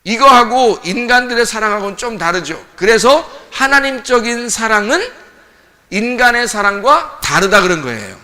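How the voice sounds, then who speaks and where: A male pastor preaching a lively, conversational sermon, acting out voices as he goes. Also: extremely high pitch, normal speed. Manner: animated, acts out parents' voices, conversational. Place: church sanctuary. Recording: church hall reverb.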